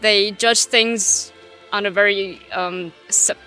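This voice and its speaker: A woman answering a street interview thoughtfully, pausing and using fillers. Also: mid-range voice, fairly even intonation, pushed and bright, faint music behind.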